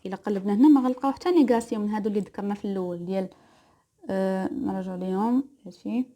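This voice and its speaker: A woman's voice: medium pitch, mellow. Moroccan woman teaching French grammar. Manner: repeats example sentences slowly, then explains quickly. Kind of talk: grammar lesson mixing Moroccan Arabic and French.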